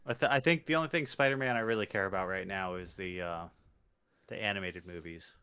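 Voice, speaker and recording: Low, bright-toned man chatting casually. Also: a little fast, smooth, no room sound, clean studio sound. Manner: easygoing, curses casually. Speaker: podcast co-host. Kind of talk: casual chat.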